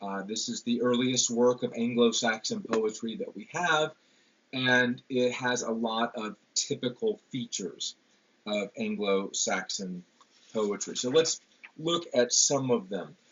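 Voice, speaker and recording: A man giving a classroom literature lecture, pausing often with ums and repeated words. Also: mid-range voice, fairly bright tone, husky. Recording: dull lo-fi lecture recording.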